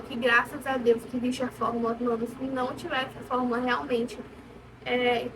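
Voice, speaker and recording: Speaking to camera, a high-voiced young woman from Brazil shares her own experience frankly and informally, using repetition to drive points home. Noticeable room sound and a distant-mic quality mark the recording.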